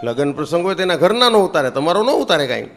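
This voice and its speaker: A male comedian, telling a teasing comic story on a live stage, and his pitch and loudness swing widely. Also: very animated, fast.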